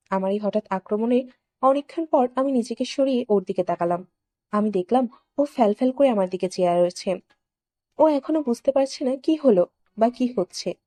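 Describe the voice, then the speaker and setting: A woman telling a first-person story in a steady, confessional narration. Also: fairly high pitch, no echo.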